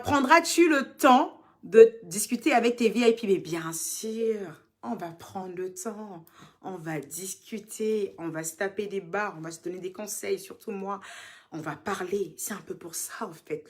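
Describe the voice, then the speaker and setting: A chatty woman from Côte d'Ivoire with an Ivorian French accent answers fans in a casual live Q&A, reading viewer comments. Her mid-range voice keeps a measured pace, and she's teasing, calling fans "ma chérie."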